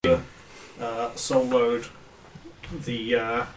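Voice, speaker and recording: A man running a tabletop game as game master, pausing often with fillers. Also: mid-range voice, monotone. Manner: hesitant, fills pauses with uh. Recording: distant mic, noisy recording.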